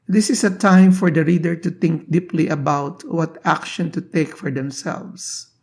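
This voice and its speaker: A poetry teacher hosting a lesson, explaining a poem in a deliberate, measured way with long pauses between phrases. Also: medium pitch, steady tone, darkish tone. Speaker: poetry teacher and channel host.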